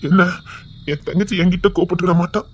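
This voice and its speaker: An actor playing a man who broods over a hurt sister, quietly repeating himself, with a fairly high voice. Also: steady tone, fast, husky. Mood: brooding. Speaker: actor in a television serial. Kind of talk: television drama acting.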